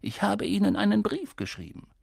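A man doing soft-spoken old wizard Dumbledore. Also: high-pitched, vocal fry, breathy edge, dry recording, clean studio sound, pitched above the performer's own voice, exaggerated voice. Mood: calm. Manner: soft, calm, slow. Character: wise, gentle elderly male headmaster wizard. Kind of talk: audiobook character voice.

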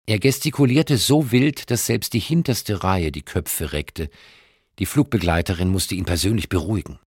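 A man reading a scripted essay in a dry, ironic tone, lifting into lively emphasis when he runs through lists. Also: low-pitched, moderate pace, slightly rough, dry recording. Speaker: narrator.

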